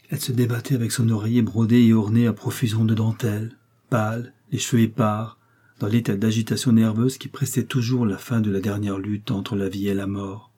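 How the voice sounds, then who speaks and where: A man reading a classic novel aloud in a measured, sober storytelling manner. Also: fairly low pitch, mellow, husky. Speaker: audiobook narrator. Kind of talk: literary audiobook narration.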